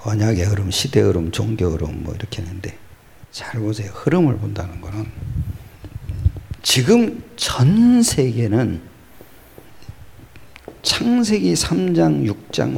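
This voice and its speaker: A man preaching a sermon as pastor, swinging from loud exclamations to hushed whispers and answering his own rhetorical questions. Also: on the low side, huge pitch swings, normal speed, creaky, long pauses, a little hiss or hum.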